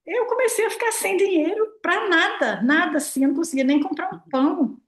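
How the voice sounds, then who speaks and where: A woman in her 60s, a prosperity mentor, talks casually and expressively to her audience in a very high-pitched, brisk voice. She's chatty, acts out her own quotes and uses tag questions. The room echo is noticeable.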